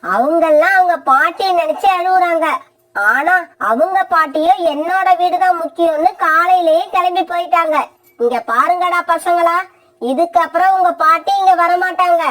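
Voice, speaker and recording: A very high, piercing voice for a cartoon mother crow who scolds and threatens her family, as a woman acts her out. She is sharp-tongued and scheming, and her voice keeps a cutting edge throughout. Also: normal speed. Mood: scolding. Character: harsh scheming mother crow, young wife. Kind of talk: cartoon voice acting.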